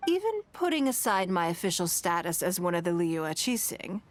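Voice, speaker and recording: A woman voicing a composed, shrewd, wealthy business lady in a video game, speaking in a measured, elegant, formal way. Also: on the low side, big pitch swings. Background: background music.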